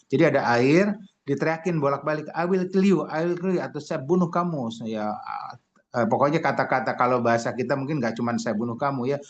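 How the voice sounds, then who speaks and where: A man's voice: mid-range voice, dull audio. A man giving a motivational talk over slides, tagging his sentences with "ya" and restarting words as he goes. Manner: frequent "ya" tags, restarts, acted shouted quotes. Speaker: presenter.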